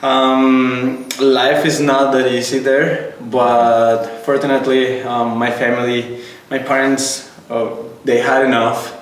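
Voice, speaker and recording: A man's voice: mid-range voice, level tone, slow, far from the mic. Colombian man, echoey and off-mic. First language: Spanish. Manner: thoughtful, with frequent hesitations and restarts. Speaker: guest. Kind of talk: casual podcast conversation. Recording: echoey room, a little off-mic, faint ambience.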